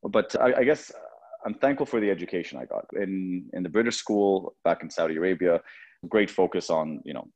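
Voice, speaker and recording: Deep-voiced man, reflective guest. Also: a little fast, a little mellow. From Lebanon. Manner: reflective, with frequent restarts and light laughs. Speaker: podcast guest. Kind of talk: casual interview talk. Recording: slightly dull lo-fi sound.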